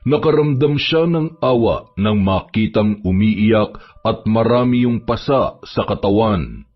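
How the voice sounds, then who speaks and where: A man with a husky, fairly low voice reads a horror story in a steady, measured way. The recording is dull and lo-fi. Soft music plays underneath. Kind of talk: scripted horror story narration.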